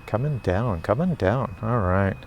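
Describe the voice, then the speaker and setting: A man's voice: lowish voice, measured pace, muffled recording, a little hiss or hum. A man chatting casually to viewers outdoors while he flies and reviews a drone. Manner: chatty, excitable, talks to viewers. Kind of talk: casual live commentary while flying.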